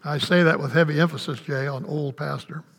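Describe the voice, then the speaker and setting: An older man preaching a sermon as a pastor, folksy and conversational, with quick asides to the congregation. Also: on the high side, steady tone, fairly bright tone. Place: church sanctuary. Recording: long reverb of a church hall.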